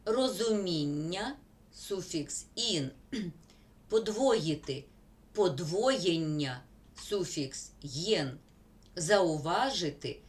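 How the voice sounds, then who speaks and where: A woman teacher, slowly dictating word examples in a school grammar lesson. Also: mid-range voice.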